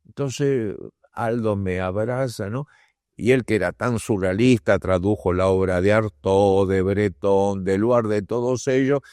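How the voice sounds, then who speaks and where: An older man tells a story at a slow, patient pace, lingering on each phrase. His pitch sits in the middle range, and he gives quoted lines a bit of their own voice. The sound is close and dry, with no room around it. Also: darkish tone, no echo. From Argentina. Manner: unhurried, acts out quoted dialogue with pauses. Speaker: guest. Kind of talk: reflective anecdote storytelling.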